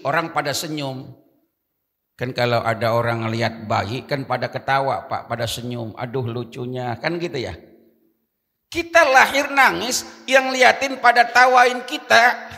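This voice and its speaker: Slow, bright-voiced preacher in an echoing mosque. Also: male voice. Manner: swings between high emphatic rhymes and low asides; chants Arabic verses between talk. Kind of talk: dawn mosque sermon. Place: mosque hall. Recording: long reverb of a mosque hall.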